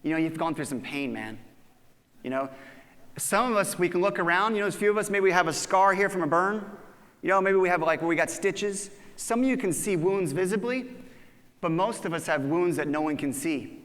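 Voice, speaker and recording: Guy giving a pumped-up conference talk, high bright voice, long hall echo. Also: brisk. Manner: animated, acts out voices in quoted dialogue. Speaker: conference speaker.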